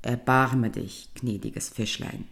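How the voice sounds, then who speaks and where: A woman's voice: rumbling low, steady tone, slow, pitched below the performer's own voice, heavily acted. A woman doing a meek pleading old fisherman. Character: humble timid old fisherman.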